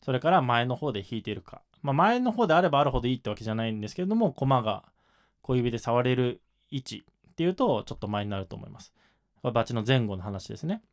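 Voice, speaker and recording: A man's voice: medium pitch, sing-song, quick pace. A man explaining shamisen technique in a patient lesson, with frequent fillers. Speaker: shamisen instructor.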